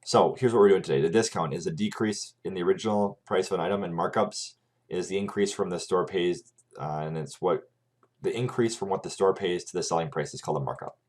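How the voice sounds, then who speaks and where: Speaking fairly quickly in a low-pitched voice, a man teaches math over a screencast. He explains each calculation step by step and regularly checks in with "right?".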